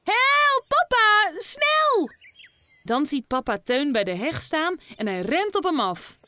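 A woman narrating a children's story slowly and expressively. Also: sits high, big pitch swings.

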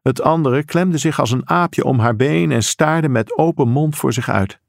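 A man reading a crime story aloud in steady, measured scripted narration. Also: a little high, gravelly, dry recording, clean studio sound. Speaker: audiobook narrator.

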